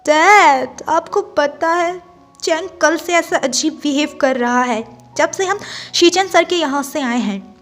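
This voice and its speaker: A woman's voice: high-pitched, slow pace, fairly bright tone. A woman voicing a playful, teasing young man who whines and complains. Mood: complaining. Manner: teasing, petulant.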